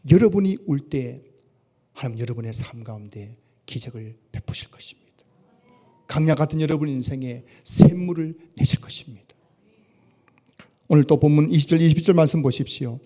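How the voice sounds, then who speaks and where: A male pastor preaching a sermon with passion, rising to loud cries and dropping to soft near-whispers. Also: fairly high pitch.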